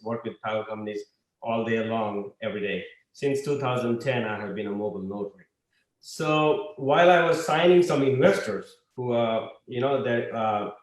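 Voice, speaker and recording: A man speaking as an investor guest in a casual interview, chatty and filling pauses with "uh". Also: mid-range voice, reverberant, low-quality recording. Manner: chatty, with frequent "uh" fillers. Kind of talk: conversational interview on a video call.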